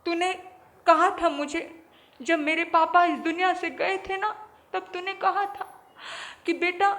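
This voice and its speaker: A woman's voice: very high voice, level tone, measured pace, fairly bright tone, voice pushed up, heavily acted. A woman voicing a grieving eight-year-old orphan boy, crying and pleading desperately with his mother.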